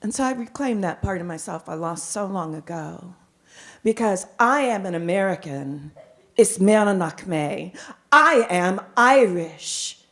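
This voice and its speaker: A middle-aged woman performing as a live storyteller, with dramatic, deliberate phrasing and frequent repetition. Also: mid-range voice, animated, bright, forceful tone. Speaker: professional storyteller.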